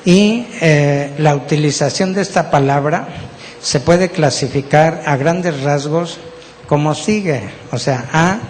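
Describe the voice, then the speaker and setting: Man, Mexican accent, pastor, sermon, unhurried, teacherly, reverberant church hall. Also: on the high side, slight background noise. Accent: Mexican Spanish. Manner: teacherly, spells out words and checks in with the congregation.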